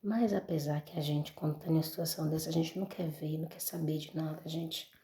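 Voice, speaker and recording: Addressing a church crowd as brothers and folks, a Brazilian woman delivers a heartfelt testimony in a Brazilian Portuguese accent. Her low, gravelly voice is dark and mellow, steady and brisk, and it rings in a large room over a slight hiss or hum.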